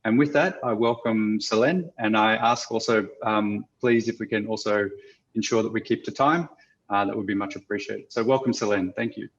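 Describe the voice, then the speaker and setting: A man hosts an online panel, introducing speakers in a measured, halting manner full of small fillers. His voice sits fairly low, and the video-call audio comes through muffled and lo-fi. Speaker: webinar moderator.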